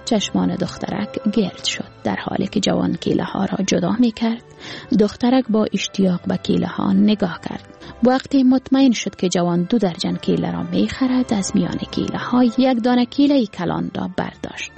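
A woman with an Afghan Dari accent narrating a story calmly and evenly. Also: mid-range voice, vocal fry, faint music behind.

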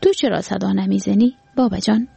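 A woman's voice: mid-range voice, gravelly, dark tone, husky, no echo, heavily acted. A woman voicing a small hungry girl who asks questions in a tired, pleading voice, with an Afghan Dari accent.

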